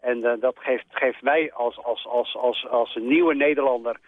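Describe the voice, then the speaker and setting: Male radio caller, middle-aged, phone line sound, very hesitant, many fillers, mid-pitched. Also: fairly even intonation. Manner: very hesitant, filled with long pauses and "eh"s. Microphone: telephone. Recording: narrow tinny phone line.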